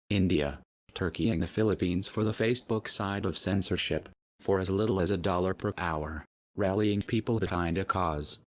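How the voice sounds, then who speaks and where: Man with a disguised, deepened voice. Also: no room sound, lo-fi sound. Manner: solemn, measured, declamatory. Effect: disguised, artificially deepened voice. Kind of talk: scripted narration of a protest message.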